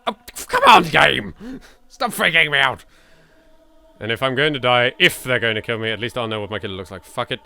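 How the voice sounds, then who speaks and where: An English gaming host's mid-range voice comes through clear and resonant, brisk and animated with sharp edges and vocal fry. During his let's play he reads text aloud with drama, reacting in an exasperated, theatrical and sweary manner.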